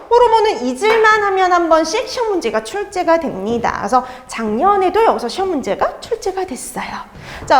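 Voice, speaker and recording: A woman's voice: sits high, slight background noise. A middle-aged woman giving an exam-prep lecture. She asks her students questions, answers them herself, and repeats the key terms.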